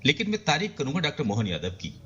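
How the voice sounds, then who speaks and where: Man phoning into a debate: breathy tone, slightly high pitch, dull phone-line sound, emphatic commentary. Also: huge pitch swings, quick pace, bright, forceful tone. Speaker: senior journalist, panel commentator.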